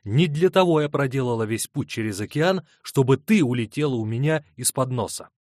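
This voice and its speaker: A man reading an audiobook voices a shrill, melodramatic middle-aged woman who shrieks her accusations. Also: lively intonation, normal speed, no echo, clean studio sound. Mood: demanding.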